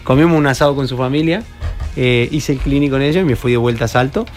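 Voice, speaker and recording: An Argentine man with a Rioplatense accent tells a story as a guest on a radio show, rambling and restarting as he goes. His voice sits in a middle register. Faint music plays softly behind him. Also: medium pitch, fast talker. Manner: chatty storyteller, many restarts. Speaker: professional padel player, radio guest. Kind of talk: casual radio interview. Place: radio studio.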